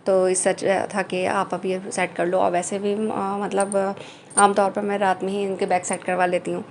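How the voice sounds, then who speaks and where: A woman in her thirties tells her family vlog as a relaxed voice-over. Her voice sits at a middle pitch and stays fairly flat. She rambles casually, pausing often. A faint hiss runs under the recording. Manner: chatty, with frequent fillers and pauses. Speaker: family vlogger.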